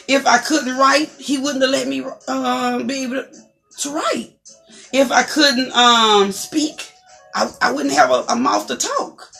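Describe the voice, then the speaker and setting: Her voice is deep and distinctive, creaky and a bit bright, as she hosts an inspirational talk show. She preaches encouragement, repeating phrases the way a speaker does when building toward a point.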